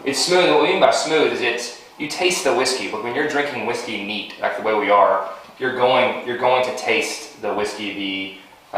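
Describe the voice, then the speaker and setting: Man, lowish voice, chatty bourbon talk, very echoey room, distant mic. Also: fairly bright tone. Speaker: bourbon tasting co-host. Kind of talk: casual chat. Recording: roomy sound from far off.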